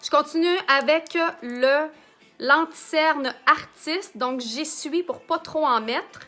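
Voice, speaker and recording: A woman's voice: high-pitched, slow pace, bright, forceful tone, faint music behind. A woman with a Québécois accent hosting a live makeup demonstration, chatting and answering viewer comments as she works. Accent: Québécois French.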